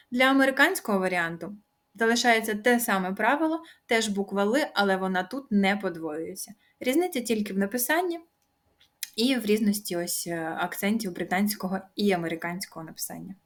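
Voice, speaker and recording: A woman's voice: medium pitch, expressive, a little fast. A young woman teaching English grammar in a patient, encouraging way, drawing out the example words. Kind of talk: explaining grammar rules.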